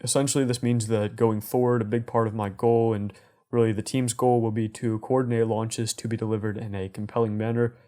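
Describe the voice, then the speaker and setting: A man hosting a community update in a conversational way, with measured, corporate phrasing. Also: lowish voice, flat delivery, mellow. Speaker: host of community update show.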